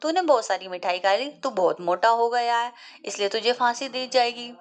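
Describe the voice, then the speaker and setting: A woman voicing gruff male soldiers who give blunt, mocking orders. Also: a little high, moderate pace, natural voice.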